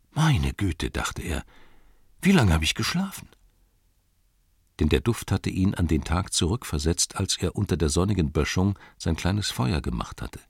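A man reads a fantasy tale aloud with an expressive storytelling manner. His voice is very deep and gravelly, with a husky grain and a lively melody. The recording is close and dry. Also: no room sound. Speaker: audiobook narrator. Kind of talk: scripted fantasy narration.

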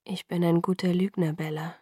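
A woman voicing a brooding young male vampire in a whispered role-play, speaking slowly, low and earnest. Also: level tone, breathy edge, no echo, studio quality. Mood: hushed earnest. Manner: hushed, low, slow and earnest.

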